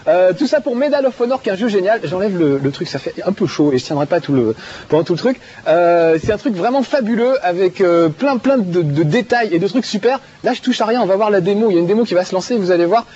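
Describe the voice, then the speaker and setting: A man's voice: high voice, lively intonation, fast talker, dark tone, husky. A male TV video game show host who chats enthusiastically and laughs often while playing a game, with many fillers. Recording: dull TV broadcast audio with faint music.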